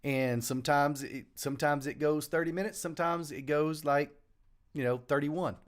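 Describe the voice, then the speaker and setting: A man hosting a casual live morning stream from a small home studio, jokey and animated as he greets viewers by name. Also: on the high side, normal speed. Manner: animated, jokey, shouting out names.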